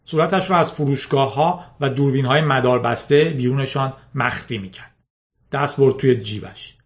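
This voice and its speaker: A man narrating a story aloud in a steady, measured reading. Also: mid-range voice. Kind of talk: scripted audiobook narration.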